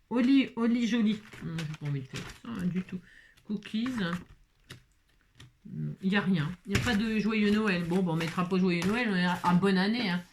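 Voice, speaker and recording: A woman's voice: medium pitch, slight background noise. A woman hosting a casual crafting tutorial, chatting and rambling with many filler words as she works.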